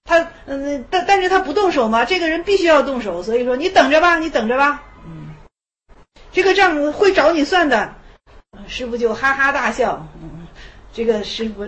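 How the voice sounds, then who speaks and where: Animated high-voiced woman teaching koans. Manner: acts out the dialogue with sudden shouts and drops; repeats phrases, thinks aloud with fillers. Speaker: teacher explaining Zen koans. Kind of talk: lively spoken commentary on a Buddhist text.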